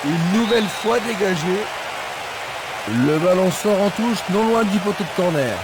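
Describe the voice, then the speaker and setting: A man's voice: sits high, unhurried. A man giving play-by-play football commentary in short, scripted phrases. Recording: loud stadium crowd noise behind voice. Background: roaring football crowd.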